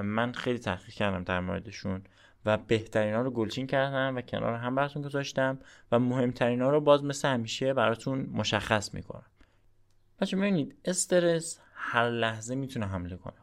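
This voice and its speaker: Man, podcast host, casual advice talk, coaching tone, medium pitch. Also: expressive, smooth. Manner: chatty and coaching, often checking in with the listener.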